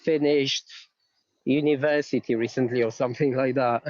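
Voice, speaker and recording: A man's voice: medium pitch, steady tone, moderate pace, darkish tone, no echo, dull audio. A man calling in from outdoors while on a walk, asking friendly, hesitant questions over a phone. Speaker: caller. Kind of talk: live online Q&A.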